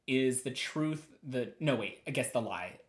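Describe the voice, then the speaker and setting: A woman co-hosting a podcast in casual chat, chatty and quick to laugh. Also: very deep voice, expressive. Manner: chatty, laughing, hesitant restarts. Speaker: podcast co-host.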